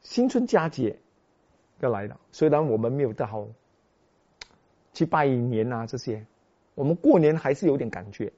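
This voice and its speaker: A man preaching a sermon as a pastor, telling a story with animated delivery that swings between soft and loud. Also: mid-range voice, normal speed, pauses often. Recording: dull lo-fi recording.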